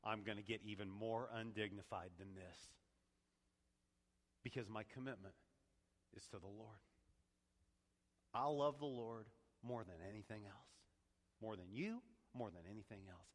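A man preaching a sermon, dropping to a hush and then rising to loud emphasis, with joking asides to his congregation. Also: fairly low pitch, a little slow, pauses often. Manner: dynamic preacher, swings from hushed to loud, jokey asides. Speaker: pastor. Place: church sanctuary. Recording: long hall reverb.

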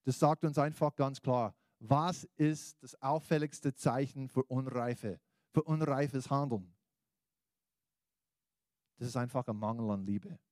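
A man's voice: mid-range voice, takes it slowly, a little mellow, dry recording, studio quality. A man with an American accent, a native English speaker, preaching an informal evangelical sermon, exhorting listeners directly in colloquial words. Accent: American accent in German. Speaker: preacher, pastor.

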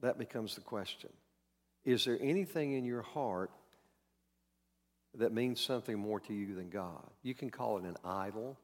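A man's voice: fairly low pitch, normal speed, in a large hall. A man preaching a sermon in a conversational way, acting out quoted lines and repeating key words. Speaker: pastor.

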